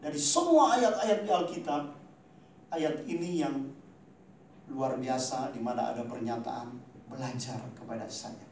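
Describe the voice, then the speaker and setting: A male pastor preaching a sermon, addressing the congregation directly, swinging between loud emphatic peaks and quiet low asides and tagging his lines with a questioning "ya". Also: unhurried, pauses often, a little hiss or hum. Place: church hall. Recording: very echoey hall, from far off.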